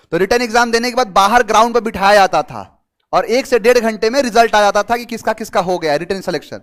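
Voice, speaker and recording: A young man teaching English idioms in a casual classroom style, reading out answer choices slowly and mixing in anecdotes. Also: high voice, fairly bright tone. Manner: explains slowly, reads options aloud, tells anecdotes.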